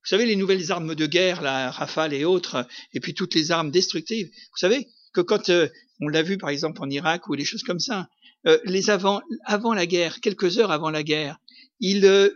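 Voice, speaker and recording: High-voiced lively French preacher. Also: male voice, normal speed. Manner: lively preaching, rising to emphatic peaks. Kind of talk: sermon. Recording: slightly dull lo-fi recording.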